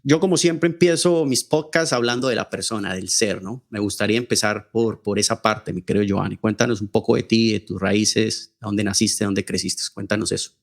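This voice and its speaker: A man's voice: fairly low pitch, fairly even intonation, brisk, vocal fry, hardly any pauses. A Colombian man hosting a podcast who welcomes his guest in a friendly way and reads through his credits. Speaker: podcast host. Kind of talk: interview hosting.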